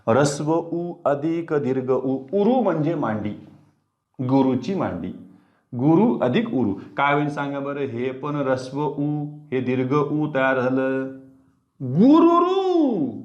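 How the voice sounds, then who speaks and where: A man's voice: mid-range voice, takes it slowly, a little mellow. Man teaching grammar step by step. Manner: explains step by step, asks questions back. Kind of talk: online grammar lesson. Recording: dull, roomy sound.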